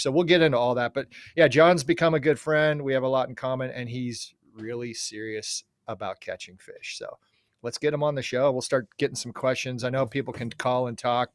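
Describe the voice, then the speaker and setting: A man's voice: mid-range voice, no echo. A man co-hosting a casual podcast, eagerly telling a story. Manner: enthusiastic storyteller. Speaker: podcast co-host.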